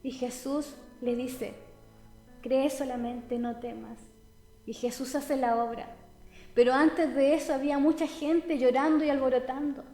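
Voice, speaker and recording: A woman's voice: high voice, fairly even intonation, normal speed. A woman preaching a sermon, speaking earnestly and addressing listeners directly. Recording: echoey hall with soft music. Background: soft background music.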